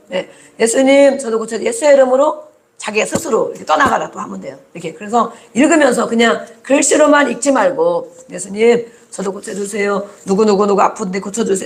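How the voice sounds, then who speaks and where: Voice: mid-range voice, creaky. A preacher giving an emphatic sermon, sometimes acting out the voices of the crowd.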